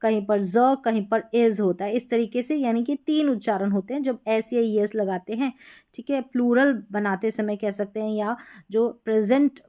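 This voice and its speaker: A woman with a Hindi accent teaching English pronunciation in a patient explanatory lesson, repeating each example word slowly. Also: fairly high pitch, mellow.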